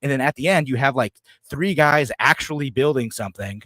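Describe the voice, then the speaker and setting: A man's voice: medium pitch, brisk, a bit bright, no echo. A man co-hosting a podcast, talking politics casually with many fillers and restarts, and acting out quotes now and then. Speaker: podcast co-host.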